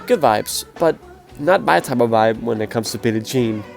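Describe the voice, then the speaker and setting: Faint music sits behind this man's expressive, creaky, mid-range voice at a moderate pace. He sounds sick and nasal as he reviews music performances in a casual spoken video, bluntly grading them with scores.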